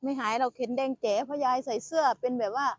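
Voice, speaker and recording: A woman's voice: high voice, rapid-fire, no room sound, studio quality. An older woman from northeast Thailand with an Isan accent, chatting casually by a roadside while foraging and talking to her grandchild. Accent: Isan Thai. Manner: chatty, laughs often, talks to grandchild. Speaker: vlogger. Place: roadside outdoors. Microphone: phone camera.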